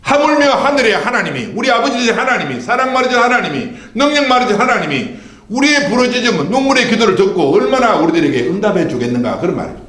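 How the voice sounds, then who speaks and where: A man's voice: high voice, big pitch swings, quick pace, a bit bright. A man pastor giving a Sunday sermon, preaching with rhetorical questions and calling on the congregation to repeat after him. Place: church sanctuary. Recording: echoey church hall.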